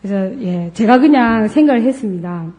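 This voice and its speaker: A woman giving a lecture, acting out quoted dialogue as she goes. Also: moderate pace. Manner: acts out quoted dialogue with lively pitch swings.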